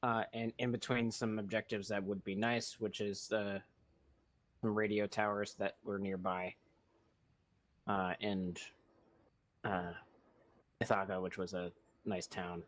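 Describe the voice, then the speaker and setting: A man with a lowish voice gives a recon report in casual voice chat. He talks haltingly, with many ums and uhs. His headset sound is dry and close. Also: fairly bright tone, no room sound. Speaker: recon squad leader.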